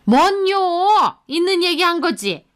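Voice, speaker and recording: A woman voicing a bossy, harsh middle-aged mother-in-law in a radio drama, talking in a sharp, scornful way. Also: very high voice, big pitch swings, a little slow, voice pushed up, full character voice. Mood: scolding. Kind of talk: Korean story radio drama.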